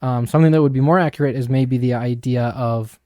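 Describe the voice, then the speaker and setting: A man's voice: mid-range voice, fairly even intonation, brisk, mellow, no room sound, clean studio sound. A young man co-hosting a podcast, explaining ideas from a book in a thoughtful, casual way. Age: young adult. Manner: thoughtful, explanatory, with frequent fillers. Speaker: podcast co-host.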